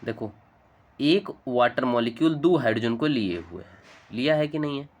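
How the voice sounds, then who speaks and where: A man teaching a chemistry lesson, talking fast and chatty, coaxing students along with frequent checks. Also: medium pitch, animated. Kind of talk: chalk-talk chemistry lesson.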